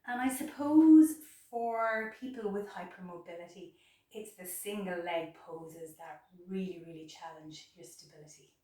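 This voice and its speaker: A woman's voice: fairly low pitch, dark tone. Woman yoga teacher talking thru poses, slightly out of breath, big echoey room, mic far away. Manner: chatty, instructive, repeats words for emphasis.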